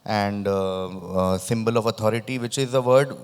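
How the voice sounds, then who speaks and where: A man's voice: fairly low pitch, moderate pace, smooth. A man with a lisp and whistling s, hosting a live quiz, reading questions and chatting with contestants. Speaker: quiz host. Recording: echoey, long room reverb.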